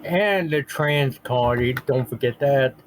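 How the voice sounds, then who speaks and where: A man's voice: medium pitch, slow pace. A man with a lisp and whistling s sounds, chatting casually in a group conversation.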